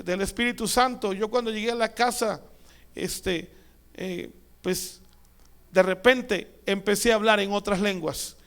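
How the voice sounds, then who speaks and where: High-voiced man preaching a sermon. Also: clean tone. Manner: preaching with rising emphatic peaks and quiet asides. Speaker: pastor.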